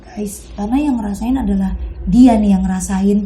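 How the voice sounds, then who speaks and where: A young woman, hosting a casual chat and telling a story in an animated, dramatic way. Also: medium pitch, a little fast, a little hiss or hum. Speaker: host. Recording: echoey room.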